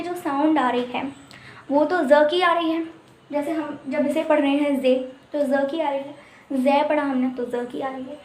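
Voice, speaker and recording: A high-voiced woman teaches a casual language lesson, patiently drilling letter sounds one at a time. She is recorded in an echoey room with a faint hiss of background noise.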